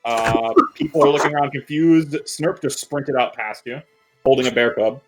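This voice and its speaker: A man's voice: medium pitch, normal speed, soft background music, rough recording. A man running a tabletop game as game master, narrating loosely with casual swearing. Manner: loose, profane, laughing narration.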